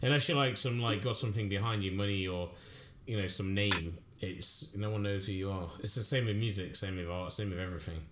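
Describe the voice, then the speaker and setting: A man's voice: lowish voice, brisk, background noise. A man hosting a casual talk, earnest and repeating his points. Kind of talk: casual chat.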